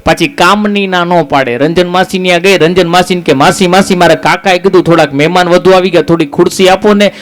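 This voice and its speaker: A man's voice: high-pitched, fairly quick, hardly any pauses. A man telling jokes on stage in a live stand-up comedy show, acting out little stories with quoted dialogue.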